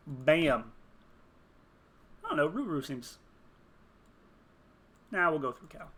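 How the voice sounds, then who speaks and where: A man's voice: fairly high pitch, very animated, measured pace, sharp tone, husky. A man thinking aloud as he builds a game character, rambling, muttering and chuckling at his own jokes while he types. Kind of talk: casual thinking aloud while searching online.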